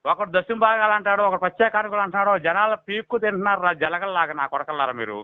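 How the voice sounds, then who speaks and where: A man with a Telugu accent in a heated phone argument, hurling insults and cutting in without pause. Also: high voice, crowd noise. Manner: abusive, shouting insults, fast and relentless. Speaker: activist arguing on a phone call. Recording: tinny phone line.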